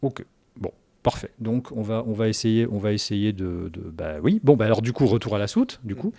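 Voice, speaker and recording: A man with a fairly low voice talks through his moves as a tabletop game player. He is casual and wry, rambling and restarting his sentences. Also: animated, moderate pace, creaky, dark tone. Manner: rambling, self-interrupting, wry.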